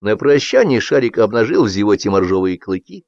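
A man's voice: fairly low pitch, sing-song, brisk, darkish tone, dry recording. A man narrating a satirical novel as an audiobook reader, telling the story expressively. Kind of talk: scripted literary narration. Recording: dull lo-fi audiobook recording.

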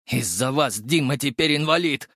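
A man voicing a desperate middle-aged nobleman and father, shrill and emotional, in an audiobook. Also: expressive, moderate pace, fairly bright tone, no room sound, studio quality. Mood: furious. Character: distraught middle-aged nobleman father, furious then begging.

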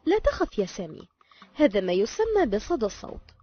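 A woman voicing a gentle, patient father who calmly explains a life lesson to his son in a told story. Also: on the high side, fairly quick, slightly rough. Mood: reassuring. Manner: calm, explaining. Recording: lo-fi with faint music.

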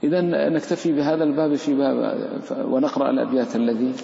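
A man teaching recitation rules in a classroom lesson, drawing out example words slowly and putting questions to his students. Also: mid-range voice, little pitch movement, gravelly, dark tone, slight background noise. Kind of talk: classroom explanation of tajweed verses. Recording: roomy, echoey lo-fi hall recording.

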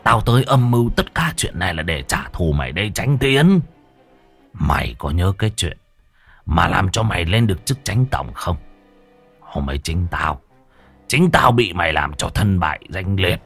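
A man doing a low cackling treacherous sorcerer. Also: very animated, normal speed, husky, faint music behind, heavily acted. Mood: gloating. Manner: low hushed menacing voice with cackling laughs. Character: treacherous male sorcerer, sneering and vengeful.

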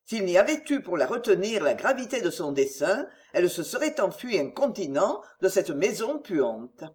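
A narrator reading a classic novel aloud in an expressive literary style. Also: medium pitch, moderate pace. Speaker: audiobook narrator. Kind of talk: scripted narration.

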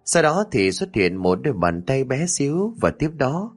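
A man narrating a horror story in a dramatic, expressive reading. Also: mid-range voice, moderate pace, soft background music.

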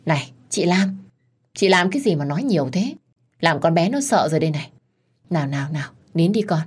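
A woman voicing a gruff but kind older mother-in-law who scolds and soothes. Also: on the low side, expressive, brisk. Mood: gruff, soothing.

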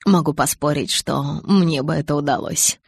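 An intense young male vampire lover speaks in a low, insistent murmur, as a woman reads him in an audiobook. The tone sits deep and husky, and the recording is close and dry. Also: normal speed, dry recording, exaggerated voice. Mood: teasing. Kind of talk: audiobook character reading.

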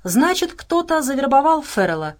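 A woman's voice: high-pitched, sing-song, moderate pace, voice pushed up. A woman voicing a brusque male team leader who speaks in a commanding way in an audiobook.

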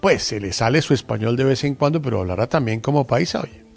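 Gravelly radio interviewer. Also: male voice, mid-range voice, lively intonation, darkish tone. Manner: effusive, admiring, drawn-out phrasing.

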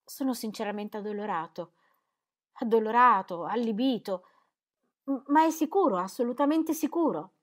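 A woman reading aloud and voicing a proud young gentleman who is shaken and full of compassion, in a soft, low-key delivery. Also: animated, moderate pace, close to an everyday voice. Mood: dismayed. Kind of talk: audiobook reading.

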